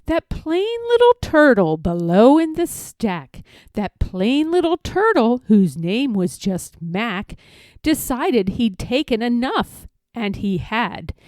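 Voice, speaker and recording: A woman reads a rhyming children's story aloud as narrator. She takes her time and varies her pitch widely, in a close, dry sound. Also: very animated, takes it slowly, a little mellow, no room sound.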